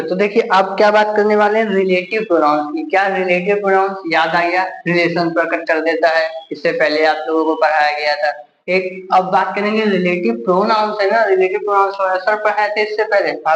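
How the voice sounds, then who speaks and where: A man's voice: high-pitched, steady tone, brisk, a bit bright, roomy sound, highs cut off, slight background noise. A male teacher giving a grammar lesson with a Hindi accent, constantly asking the class rhetorical questions and answering them himself.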